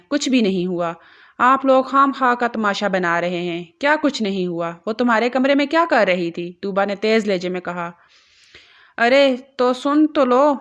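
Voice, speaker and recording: Woman, narrator, dramatic storytelling, scripted reading, average pitch. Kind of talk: scripted narration of an audio novel.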